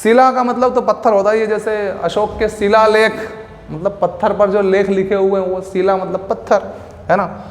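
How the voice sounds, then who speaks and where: Male tutor, high voice, chatty drill style, asks and answers himself, echoey hall sound. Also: flat delivery, moderate pace. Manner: repetitive, asks and answers his own questions; playful memory tricks, addresses listeners as beta and bhaiya. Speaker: teacher. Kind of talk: exam-prep Hindi vocabulary lesson. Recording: echoey room with long reverb.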